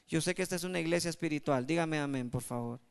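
A man preaching a sermon as pastor, animated and calling on the congregation to answer. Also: fairly high pitch, quick pace, clean tone. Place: church.

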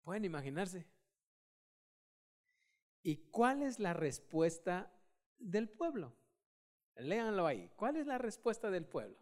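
A man preaching a sermon, dramatic, swinging from hushed storytelling to shouts and urging the congregation to join in. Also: high-pitched, big pitch swings, takes it slowly, long pauses.

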